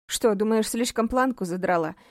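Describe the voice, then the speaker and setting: A wounded, withdrawn young daughter in an audiobook, voiced by a woman reader. She speaks defensively and pleads to be left alone, in a soft, mellow voice. The sound is dry and close. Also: mid-range voice, normal speed, dry recording, natural voice.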